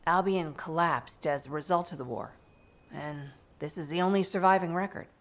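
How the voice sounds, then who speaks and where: Her voice sits low as the actress portrays a composed, analytical female doctor and mother in a game. She gives a scripted explanatory briefing with scholarly, measured, articulate, matter-of-fact delivery.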